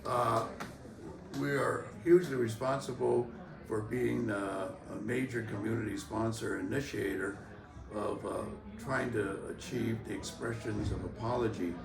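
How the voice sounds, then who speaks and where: Older man, low voice, echoey crowded room. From San Francisco, USA. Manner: measured, many fillers and pauses. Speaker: interviewee, longtime organization member. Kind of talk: recorded interview. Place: convention venue, crowd behind. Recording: roomy, from a distance.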